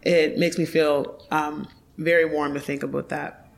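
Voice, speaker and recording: A woman's voice: low-pitched, little pitch movement, measured pace. A woman speaking casually and reflectively in conversation, with unscripted phrasing. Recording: clear background noise, ambient sound.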